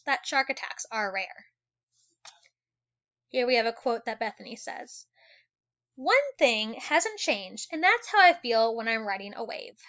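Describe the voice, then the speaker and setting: A teacher with a rather high voice reads an educational children's book with lots of animation, tossing in exclamations and curious asides for her young audience. The sound quality is lo-fi.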